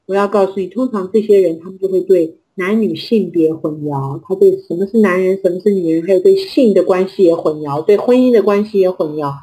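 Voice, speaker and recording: Give me an earnest woman counselor with a mellow, relaxed voice. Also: fairly low pitch, fairly quick, few pauses, low-quality recording. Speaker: guest counselor. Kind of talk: interview answer.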